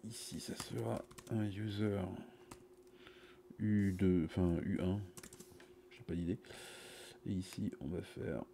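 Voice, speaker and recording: A middle-aged man giving a casual, improvised live coding commentary, halting and muttering to himself as he works, recorded on a cheap USB mic. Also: low-pitched, steady tone, background noise. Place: small indoor room at a computer. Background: computer keyboard typing.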